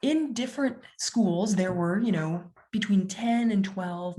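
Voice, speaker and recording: A woman's voice: deep voice, darkish tone. A woman giving a public lecture, explaining in a conversational way with frequent fillers.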